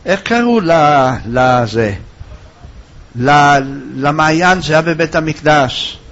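A rabbi teaching a religious lesson, telling a story in an animated way and acting out its voices. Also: male voice, on the high side. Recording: dull lo-fi recording.

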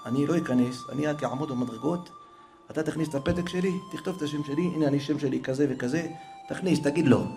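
A man's voice: fairly high pitch, vocal fry. Dramatic male preacher telling a story. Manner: dramatic, swings from hushed to raised voice. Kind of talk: religious storytelling.

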